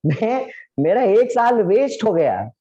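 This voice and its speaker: A man's voice: high-pitched, sing-song, slow, dark tone, husky, dull audio, pitched above the performer's own voice, heavily acted. A man voicing an anxious teenage boy student who pleads and worries.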